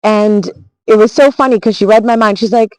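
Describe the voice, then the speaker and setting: A woman's voice: medium pitch, steady tone, fairly quick, darkish tone, smooth, dry recording, rough recording. A woman travel vlogger telling a story in a casual, earnest, reflective way, often restarting her sentences.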